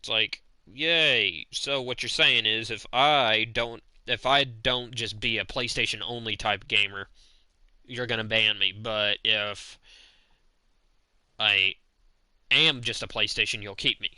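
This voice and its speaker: A man's voice: on the low side, steady tone, measured pace, bright, forceful tone, no room sound. Profane, joking male game streamer. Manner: profane, joking, thinks aloud. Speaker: live streamer. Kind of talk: casual gameplay chat. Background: game music.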